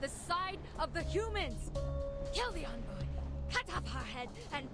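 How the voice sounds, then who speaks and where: A woman's voice: sits high, big pitch swings, measured pace, loud music behind the voice. A woman voicing a fanatical female cult leader who gives cold, commanding orders in a game. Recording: game audio, distant, loud score.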